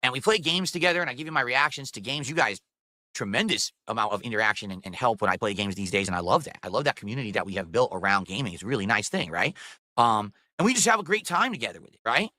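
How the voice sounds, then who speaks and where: A man's voice: medium pitch, sing-song, fast talker, sharp tone, no echo. A man in his forties talking on his stream in a rambling way, often checking in with "right?". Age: 40s. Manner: rambling, keeps asking "right?".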